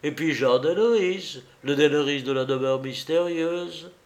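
Man doing brash police sergeant, higher and louder than the narrator, insistent. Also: measured pace. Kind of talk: audiobook reading.

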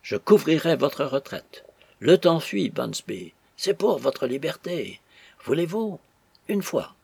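A man voicing an anxious, gruff old sea captain who pleads insistently in a big, gravelly voice. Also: a little high, sing-song, slow, darkish tone, no room sound, voice pushed up, full character voice. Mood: urgent pleading.

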